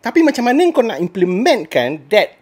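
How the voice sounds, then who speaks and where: A woman's voice: mid-range voice, big pitch swings, moderate pace, darkish tone, slightly rough. A woman with a Malaysian accent giving a casual spoken movie review, ranting in exasperation and mixing in English phrases.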